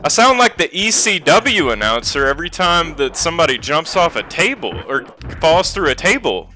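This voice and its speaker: A man commentating his own gameplay, sarcastic and easily frustrated, cursing at the game. His pitch leaps around with a bright, forceful tone. Game music plays faintly underneath. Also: sing-song, moderate pace. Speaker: gaming YouTuber.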